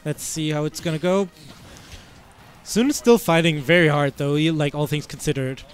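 Through a headset, a man from Iceland rambles playfully over a fighting game match as an esports commentator, giggling often. His voice is a little high, his pace moderate, and faint music plays behind him.

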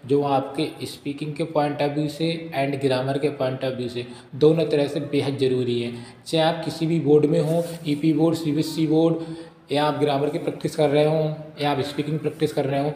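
A man teaching English vocabulary, reading out each word and then slowly spelling it letter by letter in a steady dictation. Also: on the high side. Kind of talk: vocabulary lesson, spelling words aloud. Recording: roomy echo with long reverb.

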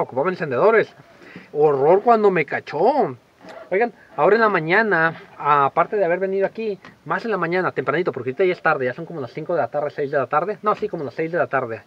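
A man's voice: high-pitched, highs cut off. A man, animatedly telling a personal story to the camera in a casual vlog, acting out voices. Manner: animated, acts out voices and shouts in his stories. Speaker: vlogger.

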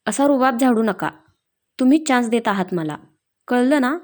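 A woman voicing a shy but quick-tempered young wife in a read-aloud story. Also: a little high, close to an everyday voice. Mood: pouty. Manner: pouty, sharp.

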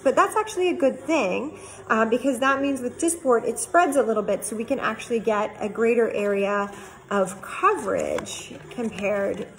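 A woman's voice: on the high side, poor audio. A woman doctor explaining cosmetic treatments to camera in a friendly, plain-spoken way, using everyday comparisons.

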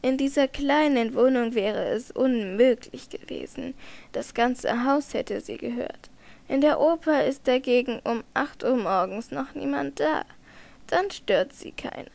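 A devout, naive old lady speaks slowly with gentle insistence, her voice pitched a little high with a gravelly rasp underneath, as an audiobook reader puts her on. She sometimes drops to a hush. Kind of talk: audiobook character reading.

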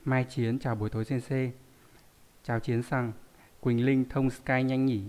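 A man's voice: mid-range voice, level tone, unhurried, a little mellow. A man teaching a live online lesson, reading out viewer names and explaining word readings with frequent rhetorical questions. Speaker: Japanese teacher.

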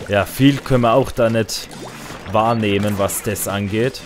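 A man with a fairly low voice narrates his own gameplay in a loose, casual way. He grumbles about his weapons, then jumps into loud, high outbursts at kills and deaths. Faint game music plays behind him. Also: a little slow. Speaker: gaming let's player.

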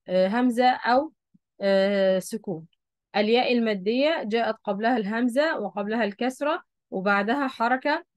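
A woman's voice: fairly high pitch, no echo. A woman with an Egyptian Arabic accent, patiently explaining a Quran recitation rule and checking that her students follow along. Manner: patient, repeats key points, checks understanding. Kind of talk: explaining a lesson at a board.

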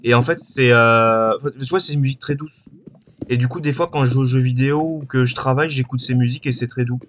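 A man's voice: mid-range voice, fast talker, a bit bright, slight background noise. A man hosting a gaming channel, chatting casually while he plays, rambling and hesitant with many fillers. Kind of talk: casual chat while playing.

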